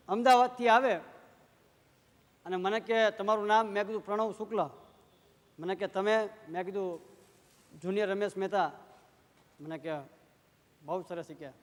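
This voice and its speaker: High-voiced Gujarati comedian on stage. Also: male voice, long reverb tail. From Gujarat, India. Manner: playful storytelling, acting out dialogue with shifting tones. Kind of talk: live Gujarati folk comedy storytelling. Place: live stage show. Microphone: stage microphone.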